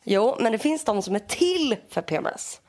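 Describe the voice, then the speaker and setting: Young woman co-host, bright high voice with lively swings, asks pointed questions, teases gently. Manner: probing questions, gently teasing. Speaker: podcast co-host. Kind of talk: casual chat.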